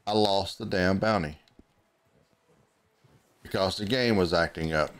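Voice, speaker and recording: A man's voice: deep voice, unhurried, clean tone. A man streaming a video game, chatting casually with friends and swearing freely as he grumbles at the game. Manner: chats with friends between gameplay. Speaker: gaming streamer. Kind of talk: casual let's-play commentary.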